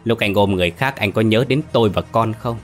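A young woman's vengeful ghost, cold and bitter, speaking from beyond the grave, as a male narrator reads her lines. The voice stays very deep and low, with no attempt to sound feminine. It is ghost-story audiobook dialogue. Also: a little fast, faint music behind, close to an everyday voice. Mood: cold scorn. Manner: cold, accusing.

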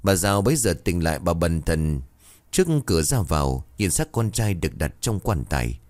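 A man narrating a dramatic horror story in a steady, dramatic storytelling manner. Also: deep voice, moderate pace, no room sound.

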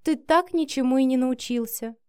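A woman's voice: sits high, normal speed, a little mellow, clean tone, dry recording, clean studio sound, voice pushed up, lightly acted. Woman voicing a smug, scornful rival woman. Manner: sarcastic, cutting.

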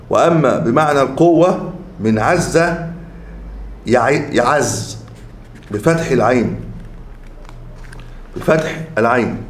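A man's voice: mid-range voice, slight background noise. A male scholar teaching a classical creed text in a lecture, explaining terms one by one and often repeating or restarting words. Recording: echoey room.

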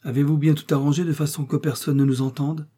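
Un colporteur rusé et costaud, joué par un homme dans un livre audio, à la voix insinuante puis brutale, un peu plus aiguë que celle du narrateur, au timbre sombre et voilé. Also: male voice, fairly high pitch, level tone, quick pace, warm tone, breathy edge, pitched above the performer's own voice. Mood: conspiratorial. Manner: wheedling, then bullying. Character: sly burly male peddler, insinuating then harsh.

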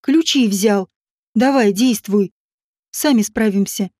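A woman voicing a brash, bossy male police officer in an audiobook, with a gruff, mocking manner. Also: mid-range voice, slow, mellow, dry recording, studio quality, pitched below the performer's own voice.

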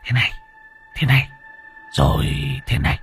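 A man voicing a scheming young male servant who speaks in a hushed, conspiratorial way. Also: moderate pace, soft background music, close to an everyday voice. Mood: sly hushed. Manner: whispering, conspiratorial.

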